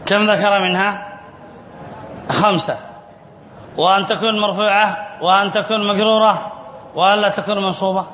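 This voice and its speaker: A man's voice: sits high, steady tone, moderate pace, pauses often, a little hiss or hum. A sheikh teaching Arabic spelling rules in a classroom lesson, reading from a text and explaining it, repeating key words and quizzing his students. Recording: echoey hall, dull lo-fi sound.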